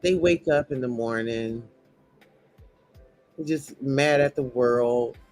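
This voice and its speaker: A man's voice: medium pitch, takes it slowly, a little mellow, soft background music. A man ranting in a blunt, profane, preachy commentary reacting to a show.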